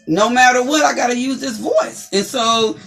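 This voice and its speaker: A woman co-hosting a talk show, speaking in an animated, emphatic, preacherly way about faith and perseverance. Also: a little high, moderate pace, vocal fry. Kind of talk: inspirational faith-based chat.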